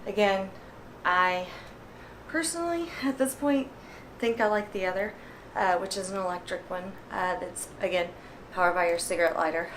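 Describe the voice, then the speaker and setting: A woman vlogger talking casually through a repair demonstration, out of breath from working a hand pump and filling pauses with ums. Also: medium pitch, slight background noise. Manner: chatty, many ums, pauses while pumping.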